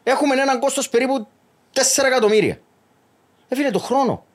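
A middle-aged man with a Cypriot Greek accent talking as a podcast guest in casual chat, animated and restless. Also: very high-pitched. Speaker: guest, club official.

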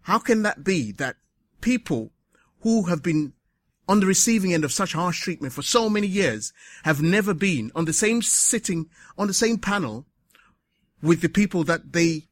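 A man speaking at a conference, short of breath, earnest and reflective, pausing to correct himself. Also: sits high, lively intonation, fairly bright tone, dry recording. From Zimbabwe. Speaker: conference speaker, patient advocate. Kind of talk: conference speech. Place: conference hall.

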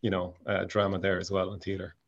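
A man's voice: low-pitched, completely flat delivery, fairly quick, highs cut off. A man with a west of Ireland accent from Mayo, chatting casually as an interview guest about his hobby. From County Mayo, west of Ireland. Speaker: amateur drama society actor, interview guest.

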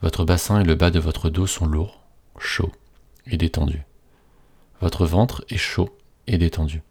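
Man, low-pitched voice, slow hypnotist delivery, soothing, repetitive scripted relaxation guidance. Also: fairly even intonation, darkish tone, slightly rough. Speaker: relaxation guide. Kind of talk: scripted guided relaxation narration.

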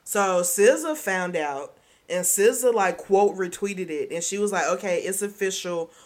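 A woman hosting a podcast in casual gossip chat, excitable and rambling, swinging from loud bursts to hushed asides. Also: medium pitch, normal speed. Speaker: podcast host.

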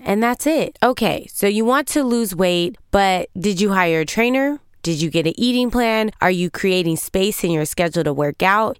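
A woman's voice: lowish voice, clear, resonant tone, no room sound, clean studio sound. A woman in her thirties hosting a podcast as a business coach, giving motivational talk full of rhetorical questions.

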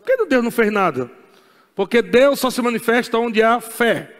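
High-voiced Brazilian pastor preaching. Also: male voice, expressive, normal speed, long reverb tail. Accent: Brazilian Portuguese. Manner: emphatic and repetitive, laughing as he preaches. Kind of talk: sermon.

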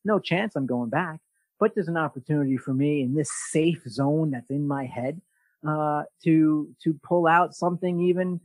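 Upbeat motivational man, slightly high voice. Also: moderate pace, dry recording, low-quality recording. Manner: energetic, restarts often. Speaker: podcast host. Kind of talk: motivational talk.

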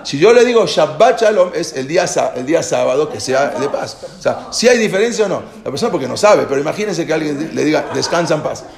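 Guy teaching a class, gravelly voice, asks the room questions, a bit of echo. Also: a little high, animated, fast talker, few pauses. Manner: explains with questions to listeners, repeats and restarts. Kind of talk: informal lecture. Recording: echoey room with faint background noise.

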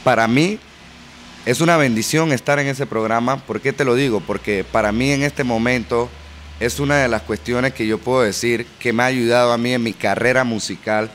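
A man's voice: medium pitch, normal speed, a bit bright, slight background noise. A man from Panama with a Panamanian accent, a guest DJ telling stories animatedly in a casual interview and mixing in English words. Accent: Panamanian Spanish.

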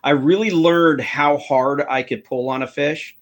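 A man's voice: a little high, fairly even intonation, measured pace. Casual American man hosting a stream. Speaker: host of a fishing show. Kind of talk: casual livestream chat.

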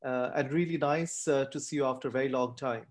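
A man hosting a podcast, asking questions softly with frequent fillers. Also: medium pitch, steady tone, a little fast. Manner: soft-spoken, many fillers. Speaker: podcast host. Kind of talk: interview questions.

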